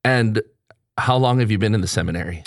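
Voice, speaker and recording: A man's voice: lowish voice, a little fast, dry recording, clean studio sound. A man hosting an interview, asking friendly, curious questions. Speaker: interview host. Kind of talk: conversational interview.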